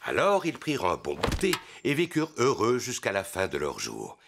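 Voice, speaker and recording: A man's voice: on the low side, wildly swooping pitch, moderate pace, background noise. A man voicing a self-assured father pig in a preschool cartoon, speaking expressively. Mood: confident. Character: deep-voiced, confident daddy pig.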